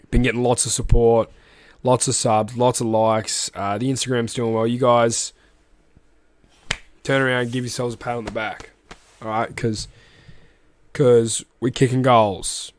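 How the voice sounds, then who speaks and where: An Australian man hosts a casual rugby league podcast recap, his medium-pitched, smooth voice captured in a dry recording. He has a cold, sounding phlegmy and coughing now and then. His talk rambles chattily, full of restarts and asides.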